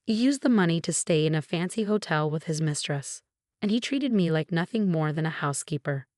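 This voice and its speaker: A woman reading a first-person story aloud in a steady, even storytelling manner. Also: sits low, a little fast, no room sound, studio quality. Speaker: story narrator. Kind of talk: scripted first-person narration.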